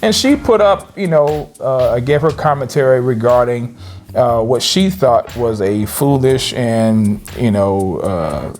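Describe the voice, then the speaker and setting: A man co-hosting a couples' ministry channel, chatting in a lively, teasing way. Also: medium pitch, slow. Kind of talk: casual chat.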